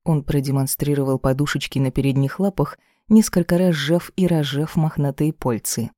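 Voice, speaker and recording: A narrator giving an even, measured reading of a fantasy novel as an audiobook. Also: medium pitch, dry recording, studio quality.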